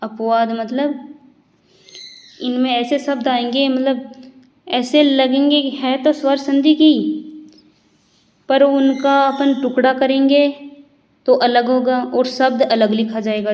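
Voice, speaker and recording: A woman teaching grammar in a slow, step-by-step way, asking questions and then answering them herself. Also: a little high, a little mellow, echoey room, rough recording. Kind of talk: classroom explanation.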